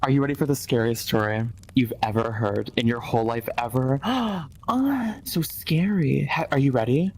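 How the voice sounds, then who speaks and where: A man's voice: medium pitch, fairly even intonation, brisk, few pauses, darkish tone, poor audio. A man hosting a comedy show, telling a silly story in a goofy, mock-dramatic way. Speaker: host. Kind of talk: joking storytelling.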